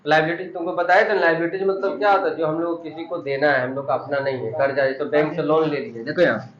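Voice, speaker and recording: A commerce teacher with a fairly high voice runs an accounting class, explaining terms and quizzing students with repeated questions. He talks quickly with fairly even intonation. The recording has a dull, echoey room sound with a little hiss or hum.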